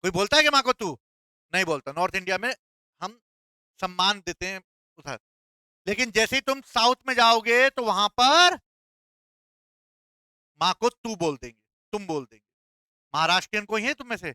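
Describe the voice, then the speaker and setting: A man's voice: high-pitched, animated, moderate pace, pauses often, bright, forceful tone, clear, resonant tone, no echo. A male teacher giving a classroom lecture, playful and quizzing his students with call-and-response questions.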